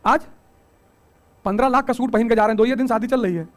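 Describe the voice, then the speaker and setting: A middle-aged man teaching a coaching class, giving an animated motivational talk full of rhetorical questions and joking asides. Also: very high-pitched, fast.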